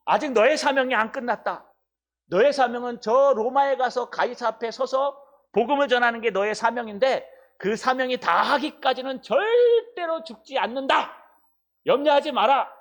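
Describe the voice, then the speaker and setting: A male pastor voicing an awed, encouraging angel, speaking loudly with admiring exclamations. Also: very high voice, lively intonation, moderate pace, voice pushed up. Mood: reassuring.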